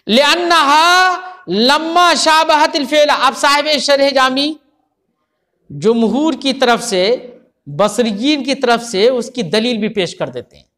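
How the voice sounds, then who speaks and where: A man's voice: extremely high pitch, expressive, slow pace, fairly bright tone. A man teaching grammar in a classroom lecture, often stopping to quiz his listeners. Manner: keeps quizzing listeners with rhetorical questions.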